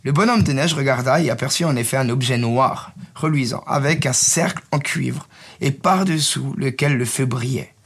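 A man narrating a fairy tale in a calm, descriptive storytelling manner. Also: mid-range voice, moderate pace, slightly rough. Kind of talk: reading a fairy tale aloud.

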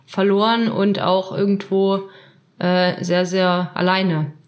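A woman of twenty-four from Trier, a self-help group leader, speaking hesitantly with many pauses and fillers. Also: medium pitch, little pitch movement. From Trier, Germany. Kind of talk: interview answers.

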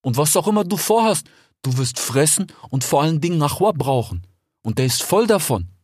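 A man voicing a smooth-talking male desert fox in a storybook, chatty and persuasive, ending his sentences with little tag questions. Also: on the high side, sing-song, a little fast, darkish tone, no echo, clean studio sound. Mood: coaxing. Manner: chatty, keeps tagging "ja?" and "ich schwör". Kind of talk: audiobook character voice.

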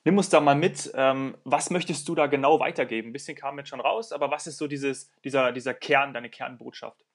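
A man's voice: medium pitch, a little fast, hardly any pauses. A man hosting an interview podcast who asks questions hesitantly with many fillers. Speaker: podcast host. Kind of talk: interviewing, conversational.

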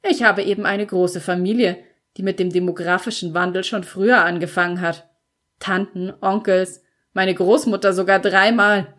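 A cool, sardonic teenage boy, as a woman reader puts him on in an audiobook. He talks in a dry, offhand way and stays level in pitch. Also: steady tone, normal speed, a bit bright, natural voice. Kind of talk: audiobook reading.

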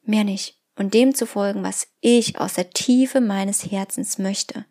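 A woman hosting a podcast, speaking to the listener in a calm, reflective self-help monologue and sometimes dropping to a soft whisper. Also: mid-range voice, takes it slowly. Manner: calm, addresses the listener directly, drops to a soft whisper at times. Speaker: podcast host.

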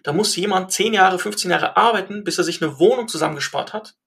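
A young man of Syrian family background, chatting and telling stories in an animated way, with lots of fillers and restarts. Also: high-pitched, fast, vocal fry. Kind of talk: casual conversation.

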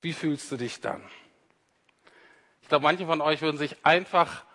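Male preacher, fairly high voice, chatty sermon style, long hall echo. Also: unhurried, creaky, pushed and bright. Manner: conversational, addresses listeners directly, acts out quoted speech. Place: church hall. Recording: reverberant hall.

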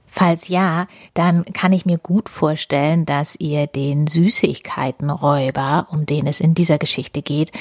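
A woman hosting and reading a storybook aloud to children in an animated, kid-friendly manner. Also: sits low, breathy edge, dry recording. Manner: warm, animated storytelling for kids.

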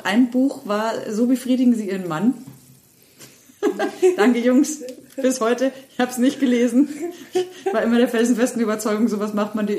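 A woman chatting on a podcast, laughing easily as she tells stories. Her voice sits in the middle of the female range. The recording has a noticeable roomy echo. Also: mid-range voice. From Bavaria. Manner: lively storyteller, laughs often. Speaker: podcast co-host. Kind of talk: casual chat.

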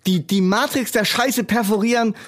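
A man's voice: sits high, moderate pace, a bit bright. A man trading absurd comedy banter in a hesitant, stammering, fussy way. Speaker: comedy duo partner.

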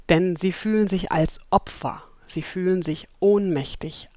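A woman's voice: on the low side, dry recording. Chatty woman podcaster, dry close sound. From Berlin, Germany. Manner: chatty, addresses listeners politely and directly, light laughs. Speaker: podcast host. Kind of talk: self-help podcast talk. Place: room with open windows.

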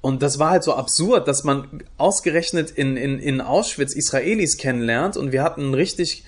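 A man's voice: a little high, moderate pace. A young adult man from Germany answering interview questions in a thoughtful way, with many fillers and restarts. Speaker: guest, youth project leader.

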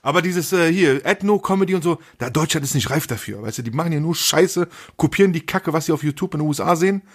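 Podcast co-host, man, husky voice, crude and blunt slang-heavy delivery. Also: on the high side, lively intonation, fast. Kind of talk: casual podcast chat.

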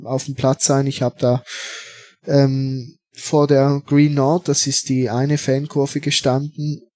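A man talks as a guest on a podcast. His pitch stays flat and even, and he often stops to fill gaps and restart his sentences. The sound is dry and close. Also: slow pace, dry recording. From Switzerland. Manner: hesitant, many fillers and restarts. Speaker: podcast guest, football fan. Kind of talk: casual interview talk.

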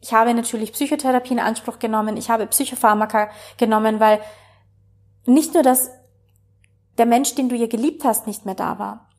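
A young woman speaking earnestly and reflectively to her followers, sharing a personal story with pauses and fillers. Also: on the high side.

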